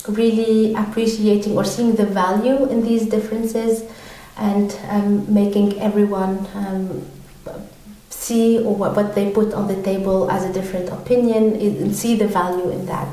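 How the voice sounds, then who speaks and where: A woman's voice: mid-range voice, dark tone. Hesitant woman in an echoey room. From Tunisia. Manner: hesitant, many ums and restarts. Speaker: podcast guest. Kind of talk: conversational interview answers. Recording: very echoey room, mic far off.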